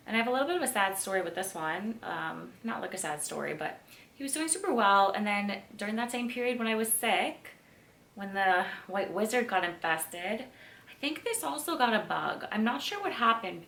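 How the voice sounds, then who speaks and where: A woman's voice: mid-range voice, animated, moderate pace, creaky, a bit bright. A woman chatting casually through a home tour, gushing and leaning on fillers. She sounds a little distant from the camera mic, in a roomy space with faint ambient noise behind her. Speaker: plant vlogger. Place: room in her home, indoors. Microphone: camera mic across the room.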